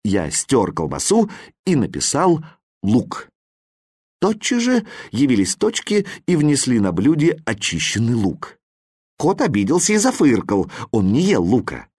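Мужчина читает детскую сказку живо и игриво, с очень подвижной интонацией, которая то поднимается, то падает. Голос среднего тона, запись сухая, без эха в помещении. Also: male voice, medium pitch, moderate pace, husky, dry recording, studio quality. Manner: lively, playful storytelling. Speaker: audiobook reader. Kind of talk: expressive reading of a children's story.

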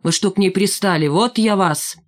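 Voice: mid-range voice, normal speed, lightly acted. An audiobook reader voicing an old grandfather speaking earnestly, reproaching the children in an almost tragic tone. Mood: reproachful. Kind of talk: audiobook character voice.

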